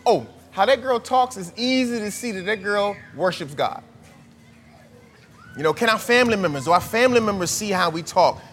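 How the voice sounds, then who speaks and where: The recording, washed in long hall reverb, captures a male preacher with a somewhat high voice. He preaches casually, as if in conversation, stacking up rhetorical questions.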